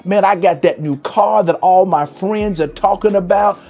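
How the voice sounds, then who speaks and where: A man's voice: high voice, moderate pace, soft background music, voice pushed up. A man putting on a boastful big spender. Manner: boastful, excited exclamations. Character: man showing off purchases he charged on credit.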